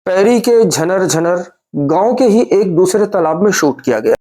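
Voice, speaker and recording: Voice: medium pitch, expressive, measured pace, over music. A narrator telling a documentary story in scripted voice-over, addressing listeners as friends. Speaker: narrator of a history series.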